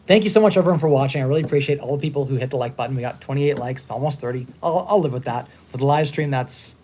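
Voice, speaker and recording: A man in his thirties hosting a casual live stream, upbeat and talking in quick bursts with frequent restarts. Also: medium pitch, a little mellow, a little hiss or hum. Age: 30s. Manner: fast-talking, upbeat, repeats and restarts words. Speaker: host. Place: hotel.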